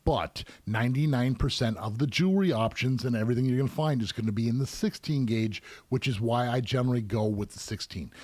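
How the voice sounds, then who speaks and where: A man's voice: mid-range voice, a little mellow, dry recording. Laid-back middle-aged male piercer explaining. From United States. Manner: easygoing, explains at length with many fillers. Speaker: professional piercer hosting a live Q&A. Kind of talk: casual live-stream chat.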